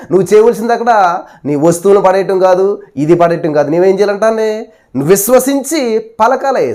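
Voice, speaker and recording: A high-voiced male preacher giving a sermon, firing rhetorical questions at his listeners. He punctuates his points with hallelujahs. He swings between loud emphasis and sudden hushed asides.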